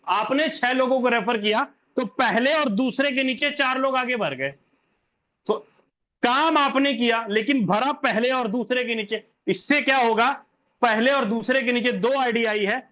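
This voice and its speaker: A man's voice: very high-pitched, sharp tone. A man explaining a referral income plan step by step. He keeps repeating himself and asks questions that he then answers himself. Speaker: crypto plan presenter. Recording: dull lo-fi audio.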